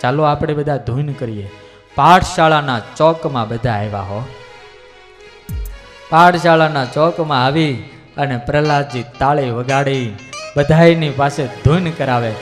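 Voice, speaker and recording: A man's voice: mid-range voice, unhurried. A man narrating a scripture story as a swami preacher, dramatic and storytelling, at a religious gathering. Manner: dramatic, storytelling with chant-like repeats. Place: large hall at a religious gathering. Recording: reverberant hall with faint music.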